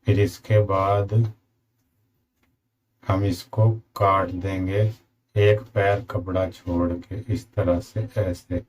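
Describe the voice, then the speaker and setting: A man with a slightly sore throat gives a slow, repetitive step-by-step sewing tutorial as a tailoring instructor. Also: low voice, little pitch movement, a little hiss or hum. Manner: slow, repetitive instructions addressing viewers as friends.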